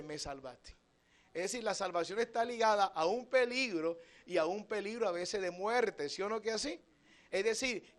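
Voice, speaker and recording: A man. He teaches emphatically and keeps asking the congregation rhetorical questions. His delivery swings from quiet asides to loud, stressed phrases. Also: high-pitched. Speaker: preacher. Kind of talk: sermon.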